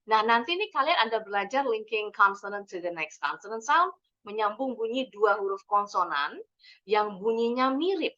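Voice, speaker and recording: A woman teaching an online English pronunciation lesson, explaining points and then modelling short phrases slowly. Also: medium pitch, animated, bright, forceful tone, dull audio. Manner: switches between explaining and slow model phrases.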